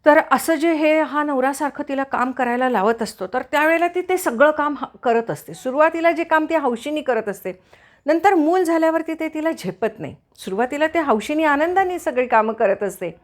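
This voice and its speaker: A woman's voice: high voice, animated, normal speed. A woman giving family advice in casual storytelling, now and then acting out the voices of the people in it. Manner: retells a scene, briefly acting out voices.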